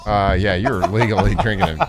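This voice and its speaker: A man with a somewhat low voice hosts live sports talk from a radio studio. He banters loosely and jokes, filling pauses with ums and likes. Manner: relaxed, joking banter with many fillers.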